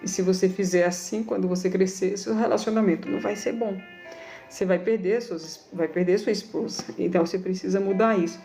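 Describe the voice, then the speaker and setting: A woman in her thirties talks to her live-stream viewers in a casual, affectionate way, calling them dear as she gives her advice. Her voice sits at a middle pitch. There is a roomy echo around her, with faint music behind. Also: steady tone, fairly quick, mellow. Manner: affectionate, preachy, calls viewers "amada". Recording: echoey room with faint music.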